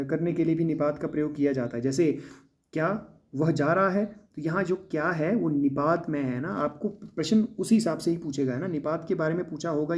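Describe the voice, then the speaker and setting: A man gives an exam-prep grammar lesson to students. His voice sits a little higher than most men's. He explains patiently and keeps tagging his points with little check-ins. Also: darkish tone. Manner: explains with frequent "है ना" tags. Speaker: teacher.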